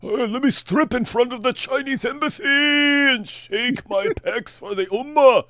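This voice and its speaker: A man's voice: extremely high pitch, unhurried, a bit bright, no echo, studio quality, pitched above the performer's own voice. A man putting on a boastful, dim-witted muscle-bound man who brags in broken caveman grammar. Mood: mocking bravado.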